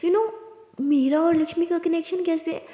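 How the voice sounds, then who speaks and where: A gentle young college woman reassures her girlfriend in a soothing tone, as a woman storyteller voices her. Her voice sits high and mellow. A long reverb hangs in the echoey room. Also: steady tone, normal speed. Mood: calm.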